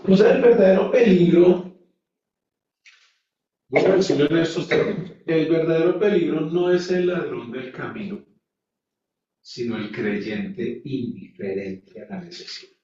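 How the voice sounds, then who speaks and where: A man's voice: fairly high pitch, measured pace, long pauses, mellow, a little hiss or hum. Man teaching a Bible class in an echoey room. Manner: emphatic, asks the listeners rhetorical questions. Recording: echoey, dull sound from a distant mic.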